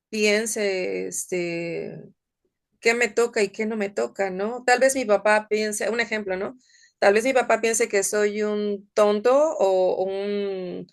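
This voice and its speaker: A woman and former teacher, hosting and thinking aloud with fillers and repeated words. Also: mid-range voice. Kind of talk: casual conversation.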